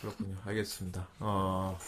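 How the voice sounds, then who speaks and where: A man co-hosting a podcast, chatting casually and telling stories, acting out quoted lines with shouts and laughter. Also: deep voice, a little fast, crowd noise. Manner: animated storyteller, acts out quotes with shouts and laughs. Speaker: podcast co-host. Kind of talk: casual chat.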